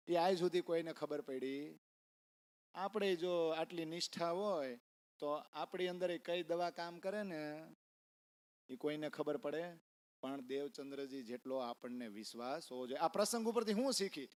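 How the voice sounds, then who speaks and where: Man, storytelling sermon, slightly high voice, acts out characters. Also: a little slow, a little mellow. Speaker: religious discourse speaker. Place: temple hall.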